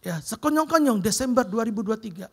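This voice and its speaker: Preacher, man, 50s; husky, gravelly voice; animated testimony-style sermon with casual asides. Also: sits high, a little fast. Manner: animated storytelling, slangy asides to listeners.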